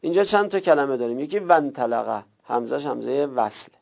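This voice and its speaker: A man's voice: mid-range voice, gravelly, darkish tone, muffled recording. A man teaching a recorded lesson, explaining step by step and repeating examples.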